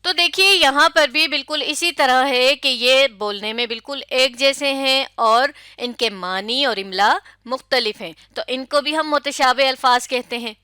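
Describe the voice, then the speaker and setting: Bright clear-voiced woman teaching a lesson. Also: high-pitched, hardly any pauses, no echo, clean studio sound. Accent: Pakistani Urdu. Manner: asks questions then confirms answers, spells words letter by letter. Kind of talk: classroom lecture.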